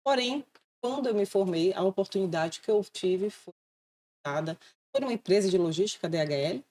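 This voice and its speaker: A woman, a relaxed interview guest with self-mocking humour. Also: mid-range voice, normal speed. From Salvador, Brazil. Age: 30s. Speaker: guest, insurance broker. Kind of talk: casual interview chat.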